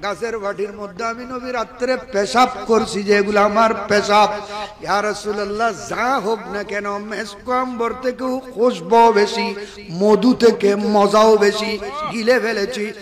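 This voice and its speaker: Man, preacher, high voice, long reverb from a PA, large crowd behind. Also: flat delivery, a little slow. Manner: storytelling, swings from quiet to shouting. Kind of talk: sermon at an outdoor religious gathering.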